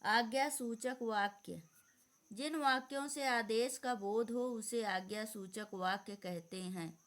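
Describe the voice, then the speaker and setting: A woman's voice: fairly high pitch, slow, fairly bright tone. A woman teacher giving an exam-prep grammar lesson, dictating definitions and repeating them.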